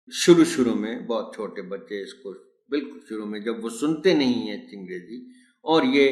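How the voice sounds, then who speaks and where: A man giving a pronunciation lesson to teachers, speaking slowly and deliberately and repeating example words with careful stress. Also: fairly low pitch. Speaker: teacher trainer. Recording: roomy echo.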